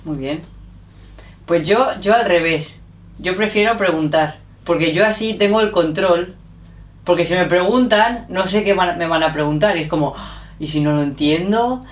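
A woman, hosting a casual interview with lively, teasing questions. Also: lowish voice, normal speed. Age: 30s. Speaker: interviewer, video host. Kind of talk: casual chat. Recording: echoey room, distant mic.

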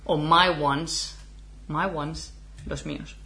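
Woman, forties, lowish voice, chatty teacher who laughs easily, casual lesson. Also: fairly even intonation, slow, vocal fry, pushed and bright. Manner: chatty, laughs often, switches between Spanish and English. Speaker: Spanish teacher.

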